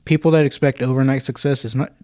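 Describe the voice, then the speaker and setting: A man's voice: mid-range voice, flat delivery, fast talker, darkish tone, clean tone, dry recording. A young man talks earnestly on a podcast, sure of his opinions and stumbling into restarts. The sound is dry and close. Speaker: podcast co-host. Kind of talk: casual chat.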